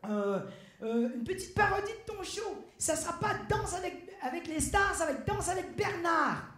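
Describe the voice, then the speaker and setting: A man's voice: very high-pitched, normal speed, pitched above the performer's own voice. A man doing an overexcited male TV journalist. The voice shoots way up and bounces all over as he gushes through laughter. It rings in a roomy auditorium. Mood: gushing. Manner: squealing, gushing, laughing excitedly. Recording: echoey auditorium.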